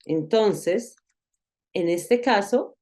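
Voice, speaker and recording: Slow, patient woman teaching a lesson. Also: mid-range voice, mellow. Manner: patient, explanatory, repeats example words slowly. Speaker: English teacher. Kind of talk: recorded online lesson.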